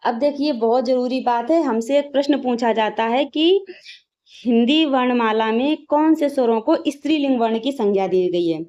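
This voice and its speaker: A woman's voice: a little high, moderate pace, mellow. A woman teaching grammar for exam prep, checking in with "ठीक है" after points and asking then answering her own questions. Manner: repeats "ठीक है" as a check-in, drills sounds aloud; asks questions and answers them herself. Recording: slightly dull lo-fi audio.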